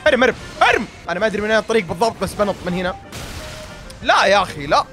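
A man giving excitable commentary while playing a game, panicking and repeating himself. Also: high voice, very fast, over music. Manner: panicky, yelling and repeating words under pressure. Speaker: gaming video creator. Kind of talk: excitable let's-play commentary to viewers.

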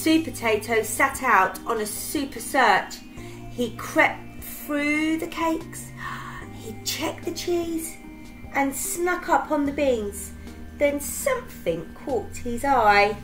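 A woman reading a children's picture book aloud in an expressive, dramatic storytelling manner. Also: high-pitched, takes it slowly, soft background music, low-quality recording.

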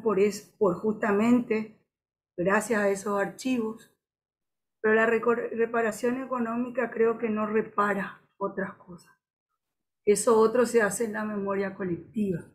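A woman on a video call giving a slow, reflective personal testimony, halting often and restarting her sentences. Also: fairly high pitch. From Paraguay border region. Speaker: audience member.

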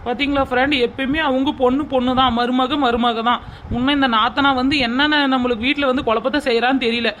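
A woman's voice: high-pitched, steady tone, quick pace, a bit bright, slight background noise. A woman hosting a video channel, talking straight to viewers in a chatty way. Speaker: channel host. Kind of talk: direct address to viewers.

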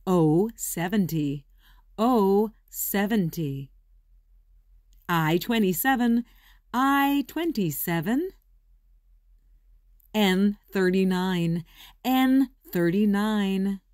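A woman working as a bingo caller, announcing in short, measured, deliberate calls and repeating each one. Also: mid-range voice, expressive, a little mellow, no echo, clean studio sound. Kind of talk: bingo calling, each number announced twice.

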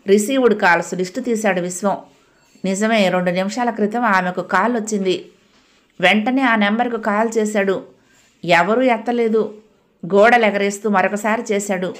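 A woman narrating a family audio novel in a steady, expressive storytelling manner. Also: medium pitch.

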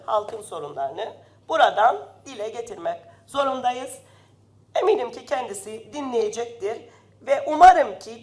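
Woman speaking at a parliament rostrum microphone. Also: a little high. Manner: impassioned, indignant, rising to loud emphasis. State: slightly ill. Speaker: member of parliament. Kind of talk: parliamentary speech. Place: parliament chamber.

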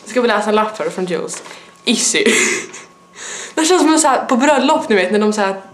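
A woman's voice: medium pitch, expressive, fairly bright tone. A young adult woman with a stuffy nose, rambling in a casual vlog chat with lots of fillers. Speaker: vlogger.

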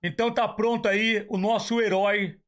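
A Brazilian man with a hoarse, raspy voice and a slushy lisp, chatting casually as he streams a game. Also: high-pitched, fairly even intonation, moderate pace, a bit bright, faint music behind. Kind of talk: casual livestream chat. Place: indoor room, streaming setup.

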